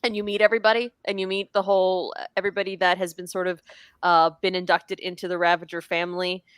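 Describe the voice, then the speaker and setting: A woman's voice: fairly low pitch, fast talker, clear, resonant tone, dry recording. Chatty woman, dry close sound. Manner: chatty, lively, many restarts. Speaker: podcast co-host. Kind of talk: casual pop-culture discussion.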